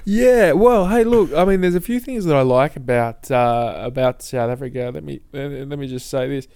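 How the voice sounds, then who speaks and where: A man co-hosting a casual sports discussion, halting as he thinks aloud. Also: medium pitch, creaky, darkish tone, smooth. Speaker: sports podcast co-host.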